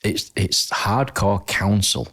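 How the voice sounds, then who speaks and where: A man with a very low voice talks through ideas in a casual podcast chat. He is thoughtful and hesitant, often restarting his sentences. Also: slow, creaky, a bit bright.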